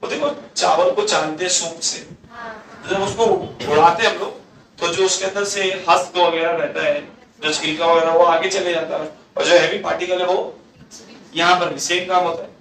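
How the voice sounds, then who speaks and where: A man's voice: a little high, steady tone, moderate pace, a bit bright, distant mic. A man teaching a classroom lecture, mixing Hindi with English terms and quizzing the class with questions he answers himself. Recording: echoey room, voice off-mic, faint hum.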